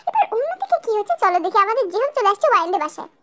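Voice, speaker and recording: A woman narrates a story and chats lively and directly with her listeners. Her voice is very high and bright, with a sharp edge. The tone is casual throughout. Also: racing.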